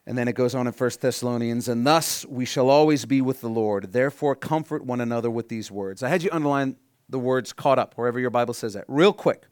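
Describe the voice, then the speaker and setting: A man preaching a sermon as pastor, reading scripture and explaining it, asking the congregation questions, rising loud on key phrases and dropping low and quiet to drive points home. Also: fairly quick, smooth, dry recording, clean studio sound.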